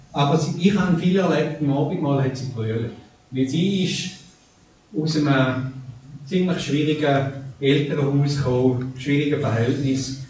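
Preacher in an echoey hall. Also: male voice, a little high, a little hiss or hum. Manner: animated, shifting between soft and raised. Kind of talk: sermon. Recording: echoey hall, distant mic.

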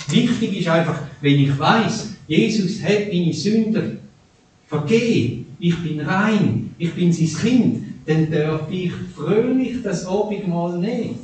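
Preacher in an echoey hall. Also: male voice, sits high, slow, slight background noise. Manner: animated, shifting between soft and raised. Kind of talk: sermon. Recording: echoey hall, distant mic.

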